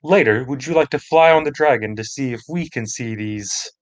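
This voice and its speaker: Guy doing yuza, calm curious adventurer, polite careful questions, plain mid voice. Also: medium pitch, moderate pace, lightly acted. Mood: eager.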